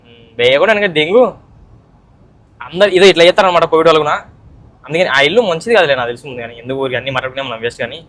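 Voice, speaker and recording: A man's voice: on the high side, rapid-fire, long pauses, a bit bright. A young man narrating a casual vlog, chatty and teasing as he talks straight to viewers. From Andhra Pradesh, India. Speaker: vlogger.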